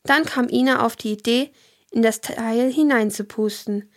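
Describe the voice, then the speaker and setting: A woman's voice: fairly high pitch, normal speed. Woman narrating a children's tale. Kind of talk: scripted children's story narration.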